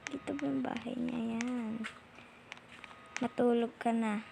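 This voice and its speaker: A woman's voice: on the high side, fairly even intonation, slow pace, creaky, background noise. A woman from the Philippines giving playful gameplay commentary, muttering to herself as she plays. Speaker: gamer.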